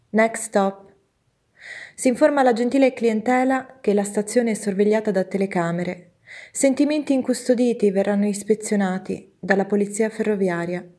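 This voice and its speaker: A woman reciting a spoken-word poem in the measured, formal cadence of a train station announcement. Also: mid-range voice, warm tone.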